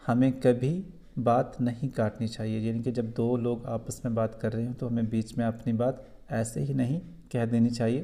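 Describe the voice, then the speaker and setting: A man's voice: mid-range voice, creaky, warm tone. Patient Kashmiri man teaching schoolchildren. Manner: patient, repeats points slowly for children. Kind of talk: explaining a school lesson.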